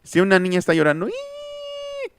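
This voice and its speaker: A man's voice: mid-range voice, moderate pace, a little hiss or hum. A man with a Mexican accent teaching an online linguistics class, thinking aloud and answering students' comments as he goes. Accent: Mexican Spanish. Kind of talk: online lecture. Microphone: close mic, online class.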